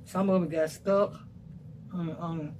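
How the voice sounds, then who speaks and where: A man with a slightly raised voice talks slowly through a mouthful of food. He chews as he chats to viewers, letting out contented murmurs. Faint hiss sits behind him. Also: on the high side. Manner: slow, relaxed, drawn-out with contented murmurs. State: chewing food. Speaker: mukbang vlogger. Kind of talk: casual eating vlog talk to viewers.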